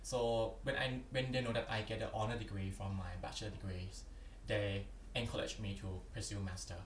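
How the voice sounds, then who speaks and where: A man's voice: fairly low pitch, steady tone, a little fast. Thai-accented young man, roomy and distant. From Thailand. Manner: earnest, plain phrasing with frequent "yeah" and "yep". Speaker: podcast guest, PhD candidate. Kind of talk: interview answers. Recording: roomy, distant from the mic, faint background noise.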